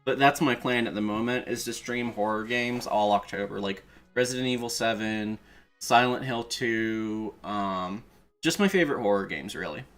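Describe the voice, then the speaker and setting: Background music accompanies a man with a lowish, slightly bright voice who talks at a normal speed. He's a streamer and video creator chatting casually on a livestream as an enthusiastic fan, occasionally swearing.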